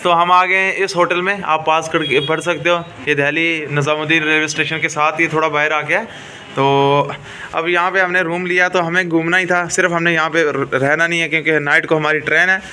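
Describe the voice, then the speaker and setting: A young man from Jammu and Kashmir, India, narrates a casual travel vlog into a phone held at arm's length, pointing things out to viewers on busy streets, in vehicles and at monuments. His fairly high voice barely moves in pitch, brisk, bright and forceful, over the noise of city traffic.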